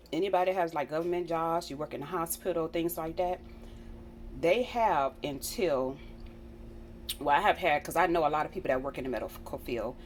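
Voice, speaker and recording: A woman's voice: low-pitched, a little hiss or hum. An American woman vlogger talking casually and earnestly straight to her viewers, repeating phrases for emphasis. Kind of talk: casual direct-to-viewer chat.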